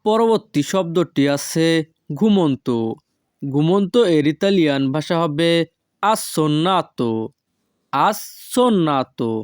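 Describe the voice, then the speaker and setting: A man teaching vocabulary as a slow, patterned drill, repeating each foreign word carefully and drawing it out syllable by syllable. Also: on the high side, darkish tone, dry recording, studio quality. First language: Bengali. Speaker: language teacher.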